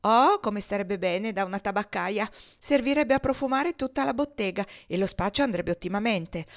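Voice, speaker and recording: Woman doing a loud jokey guy in an audiobook, mocking everyone, pitched up. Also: animated, normal speed, close to an everyday voice. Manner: mocking, playful, mimicking. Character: jeering boisterous adult male buffoon. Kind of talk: audiobook reading.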